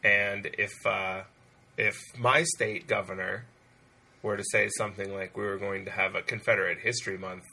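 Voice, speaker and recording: A man's voice: on the low side, level tone, normal speed, vocal fry, sharp tone. A man co-hosting a podcast in casual, sardonic chat, rambling with restarts. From Pennsylvania. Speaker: podcast co-host.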